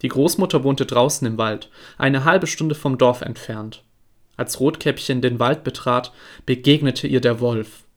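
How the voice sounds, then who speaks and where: A man reading a fairy tale aloud in a calm, even storytelling voice. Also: medium pitch, unhurried.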